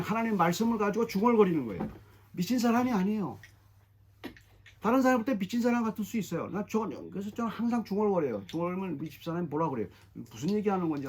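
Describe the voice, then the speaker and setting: A middle-aged man preaching a sermon as pastor, emphatic and animated, often repeating his phrases. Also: high voice, breathy edge. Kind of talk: expository sermon.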